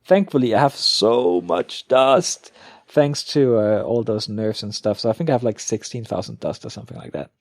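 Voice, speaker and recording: A man's voice: lowish voice, expressive, normal speed, a little mellow, no room sound, clean studio sound. A man giving casual, off-the-cuff commentary as a gamer, thinking aloud and often trailing off. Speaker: gamer opening card packs.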